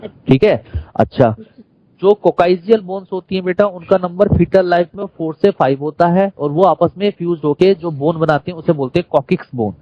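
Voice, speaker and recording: A man with an Indian accent gives a classroom lecture in a fairly high voice. He quizzes his students and repeats the key terms. The sound is dry and a little dull. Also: moderate pace, no room sound. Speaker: teacher.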